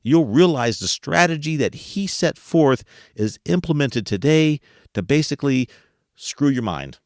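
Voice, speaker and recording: An American podcast host talks casually to listeners in a mid-range, expressive voice, a little slow, tossing out rhetorical questions and chuckling as he goes. The sound is clean studio audio with no room sound.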